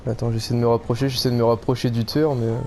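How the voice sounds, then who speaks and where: A man with a mid-pitched voice presents a horror game as he plays it. He explains things step by step, with some hesitation. Clear game ambience noise sits behind his voice. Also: little pitch movement, rapid-fire, warm tone. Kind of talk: explanatory gameplay commentary. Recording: clearly noisy game background.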